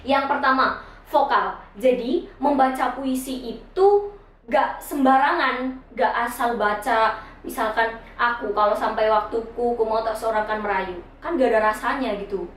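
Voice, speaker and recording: Young female teacher, casual and chatty, higher voice, off-mic in a very reverberant room. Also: measured pace. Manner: chatty, informal, with frequent filler tags. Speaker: poetry reading instructor. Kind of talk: casual classroom explanation. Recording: very echoey room, voice from a distance.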